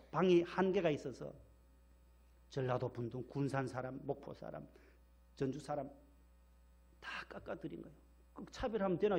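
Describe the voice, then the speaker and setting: A man's voice: a little high, vocal fry, darkish tone, husky. A middle-aged man from South Korea's Gyeongsang region, a pastor preaching a sermon and telling folksy personal stories, repeating phrases for emphasis.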